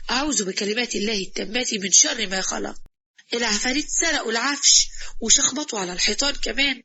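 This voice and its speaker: A woman's voice: on the high side, fast, pushed and bright, slight background noise. A woman voicing a fearful, pious middle-aged father with an Egyptian accent. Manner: exclaiming, pious, resigned.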